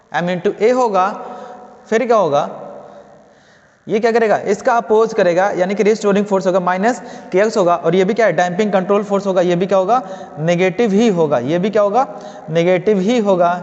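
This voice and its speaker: A man's voice: sits high, darkish tone. A man teaching physics as a classroom lecture, asking questions aloud and answering them himself, often adding a tag question for agreement. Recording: dull lo-fi audio with long reverb.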